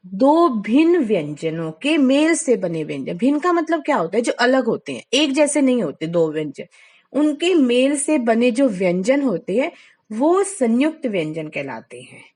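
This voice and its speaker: A woman's voice: on the high side, sing-song, normal speed, darkish tone. A woman teacher giving a class lesson, asking questions and answering them herself, drawing out sounds as examples.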